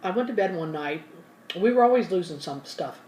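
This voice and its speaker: A lowish, expressive, mellow female voice, a little fast, captured far from the mic in a roomy space with faint ambience and slight hiss or hum. The ASMR host tells a casual, meandering story between bites, sometimes mouth full, often correcting herself.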